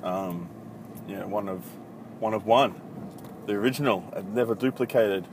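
A man in his thirties from country Victoria hosts a casual solo podcast in an Australian accent, his voice lowish and his pace moderate. He's blunt, profane, and rambling, full of ums, recorded on an iPhone in a noisy setting with traffic.

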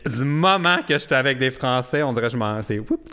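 Laughing Quebec podcast host. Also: male voice, medium pitch, quick pace, clear, resonant tone. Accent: Quebec French. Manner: lively, laughs often, jumps into playful imitations. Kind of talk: casual podcast chat.

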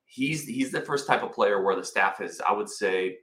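Bright-voiced man podcasting from a roomy wooden cabin. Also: lowish voice, animated, moderate pace. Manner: enthusiastic, informal. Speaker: sports podcast host. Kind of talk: casual sports commentary to live viewers. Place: indoors in a cabin. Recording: roomy indoor cabin echo.

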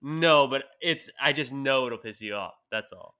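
A man's voice: mid-range voice, measured pace, bright, forceful tone. A man who is a sports reporter, talking as a guest on a casual sports podcast, playful and teasing and laughing often.

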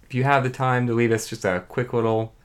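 A man's voice: mid-range voice, steady tone, fairly quick, clear, resonant tone. A man co-hosting a podcast in easygoing, rambling casual chat. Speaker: podcast co-host.

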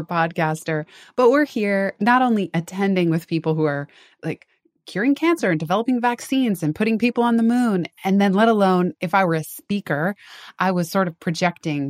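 A woman's voice: medium pitch, dry recording, clean studio sound. A woman hosting a podcast, an author who asks her guest thoughtful, eager questions. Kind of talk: podcast interview.

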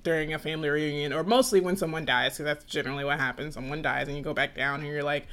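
Fast and low-pitched, with a steady, fairly bright tone, this young woman hosts a podcast from Atlanta, USA. She rambles through casual conversation, frequently restarting and laughing.

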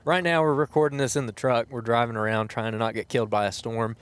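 A man hosts a casual podcast from inside a truck. His voice sits at a medium pitch, and he talks in a conversational, unscripted way. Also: fairly even intonation, fast, clean tone. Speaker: podcast host. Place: inside a truck being driven.

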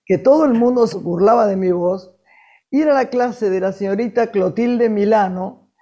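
An older woman with a Rioplatense accent and an unusually deep voice, a guest telling lively anecdotes about her childhood. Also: moderate pace, dull audio. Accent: Rioplatense Spanish. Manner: lively anecdotes told with laughs. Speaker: guest, actress. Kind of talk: casual storytelling.

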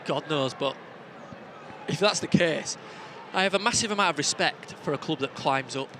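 A man with a Northern English accent hosting a football podcast, deadpan and teasing in casual banter. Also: a little high, moderate pace. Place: outdoors at a football ground. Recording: noisy outdoor stadium with traffic.

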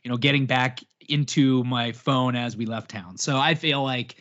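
A man's voice: medium pitch, normal speed, a bit bright. Rambling, self-mocking man in his thirties. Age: 30s. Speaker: podcast host. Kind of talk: casual chat. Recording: dull lo-fi podcast audio.

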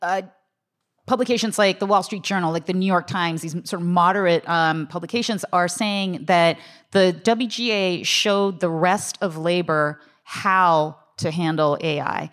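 A woman's voice: fairly low pitch, measured pace, a bit bright. A woman speaking as a writers' union representative, explaining contract points off the cuff in an emphatic, colloquial way, often checking in with the listener. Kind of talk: unscripted explanatory talk on contracts.

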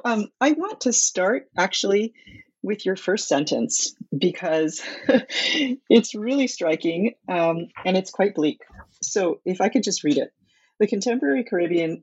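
A woman's voice: sits low, a little mellow, breathy edge, lo-fi sound. A woman hosting a book podcast, reading a scripted introduction and then asking questions. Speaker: podcast host. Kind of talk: podcast interview.

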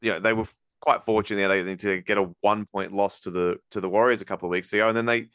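A man hosting a casual sports podcast, breaking down games in a rapid, rambling analytical way with many restarts. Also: lowish voice, fairly even intonation, fairly bright tone, clean tone, no room sound, studio quality. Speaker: podcast host.

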